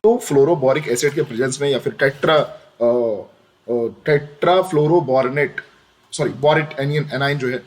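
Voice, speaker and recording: A man's voice: medium pitch, normal speed. A young man teaching a chemistry lesson in a chatty way. He repeats questions back to the students as he talks. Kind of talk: screen-recorded lesson.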